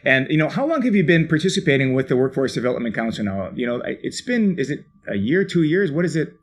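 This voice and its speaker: A man's voice: mid-range voice, very animated, quick pace, husky. A man hosting a casual live stream from his home office, chatty and rambling, laughing often. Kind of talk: casual chat.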